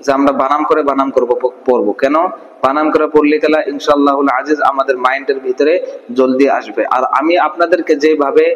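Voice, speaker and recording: A man's voice: mid-range voice, steady tone, a bit bright, reverberant, in a large hall, dull audio. A man teaching a Quran reading class, asking and answering his own questions and drawing out verses syllable by syllable. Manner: question-and-answer drilling, slow syllable-by-syllable recitation. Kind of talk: online Quran recitation class.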